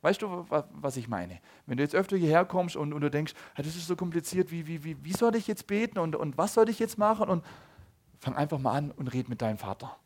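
A man in his thirties preaching a sermon, swinging between loud appeals and soft low asides, often asking the audience questions. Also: lively intonation, brisk, a little hiss or hum. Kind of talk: sermon to a congregation.

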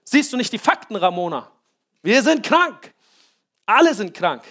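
A man voicing a fretful parent who complains that everyone is sick, agitated and high. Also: big pitch swings, measured pace, fairly bright tone, full character voice.

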